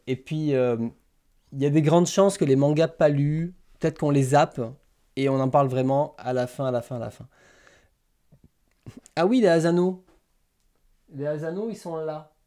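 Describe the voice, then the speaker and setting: A man's voice: fairly high pitch, warm tone. A man hosting a casual livestream, rambling and thinking aloud with lots of fillers. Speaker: livestream host. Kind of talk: casual live chat with viewers.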